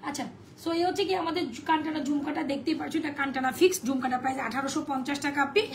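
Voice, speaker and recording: Hoarse, fast, high-pitched Bangladeshi saleswoman. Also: slight background noise. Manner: chatty, mixes English sales phrases. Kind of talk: live sales stream.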